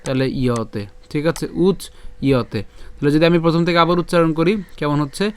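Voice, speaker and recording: A man teaching the pronunciation of a Sanskrit verse syllable by syllable, asking and answering his own questions and chanting the lines slowly. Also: a little high, clear, resonant tone, no room sound. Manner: breaks words into syllables, repeats them, asks and answers his own questions. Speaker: Gita recitation teacher. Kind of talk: step-by-step Sanskrit pronunciation lesson.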